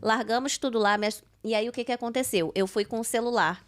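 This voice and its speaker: Woman, Brazilian Portuguese accent, podcast host, lively dramatic storyteller, higher voice. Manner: lively, dramatic retelling with quick asides. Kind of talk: animated storytelling chat.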